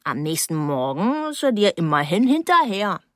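A woman voicing a sly, gossiping old night nurse in a storybook reading, drawling slowly. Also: mid-range voice, very animated, dry recording, studio quality, close to an everyday voice. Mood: gossipy.

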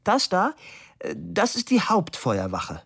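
A man voicing a young man who gives absurd answers in a raised, dry, deadpan voice. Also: fairly high pitch, normal speed, voice pushed up.

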